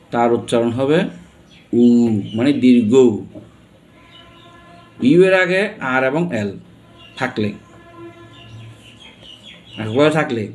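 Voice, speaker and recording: A man's voice: medium pitch, a little mellow. A man with a Bangladeshi accent teaching a pronunciation lesson. He spells words out letter by letter and keeps asking his students questions. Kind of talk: classroom lesson.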